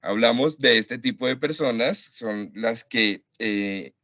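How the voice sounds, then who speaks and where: A man's voice: mid-range voice, slow pace, pushed and bright, no room sound. A man teaching a web conference class, explaining to his students and addressing them directly. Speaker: lecturer. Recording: dry, dull lo-fi call audio.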